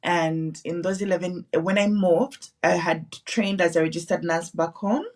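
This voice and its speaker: A Ugandan woman in her thirties, a nurse and business owner, tells her story earnestly as a guest on an online live broadcast, restarting and repeating herself. Her voice is on the low side, her speed normal, and she sounds far from the mic.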